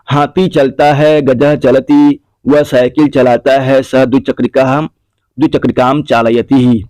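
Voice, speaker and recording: A man leads a classroom grammar lesson. He speaks at a very slow, steady pace, dictating answers and saying them again. The recording is dry and close, with no room sound. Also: medium pitch, no room sound. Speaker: teacher.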